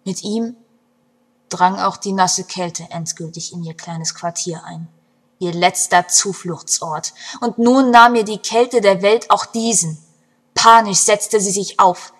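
A woman narrating a story in an expressive storytelling manner, her loudness swinging between hushed and strong passages, with a breathy voice. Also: medium pitch.

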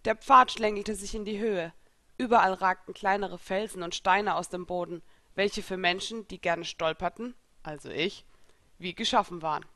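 Woman narrator for a first-person story, expressive and lively, mid-pitched, close dry sound. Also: moderate pace, no room sound. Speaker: reader.

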